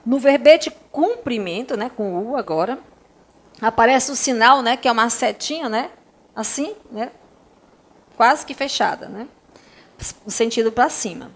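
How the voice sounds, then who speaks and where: A woman from Brazil teaching young pupils in a recorded lesson. Her voice sits a little high. She is patient and fond with her class and keeps checking that they follow. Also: lively intonation, measured pace, pauses often. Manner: patient, checks often with "tá bom?" and "né?", talks to pupils fondly. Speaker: primary school teacher.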